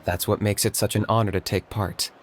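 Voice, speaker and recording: Cool, laconic young warrior Kinich, played by an actor. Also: male voice, fairly low pitch, level tone, a little fast, natural voice. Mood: explanatory. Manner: dry, understated, matter-of-fact. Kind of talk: video game voice acting. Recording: game music behind.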